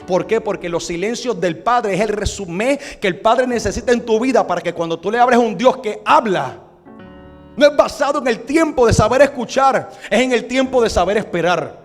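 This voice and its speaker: A man preaches a sermon in a church, his voice pitched high for a man. He keeps throwing rhetorical questions at the congregation. Soft instrumental music plays faintly behind him. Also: animated, normal speed. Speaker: pastor.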